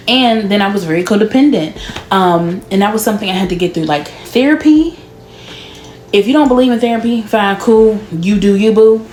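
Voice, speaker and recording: Chatty woman vlogger in her twenties. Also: medium pitch. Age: 20s. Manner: chatty, drawn-out words, lively laughs. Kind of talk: casual chat to camera. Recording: echoey room with faint music.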